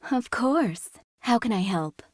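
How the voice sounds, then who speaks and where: A woman's voice: on the high side, animated, takes it slowly, no echo, clean studio sound. A woman voicing a sultry, seductive and devoted female android agent in an anime game. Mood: silky, devoted.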